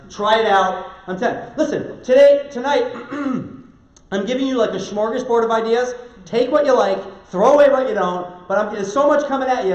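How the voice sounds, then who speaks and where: A man giving a lively seminar talk, chatty and energetic, asking his audience questions. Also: extremely high pitch. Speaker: seminar speaker. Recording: distant mic, echoey hall, dull lo-fi sound.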